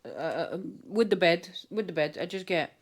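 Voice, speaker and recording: A woman's voice: lowish voice, moderate pace, no room sound. Young woman telling her birth story, lots of acted-out quotes, dry close sound. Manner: animated retelling, acts out quoted lines. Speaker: vlogger, new mother. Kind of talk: casual storytelling.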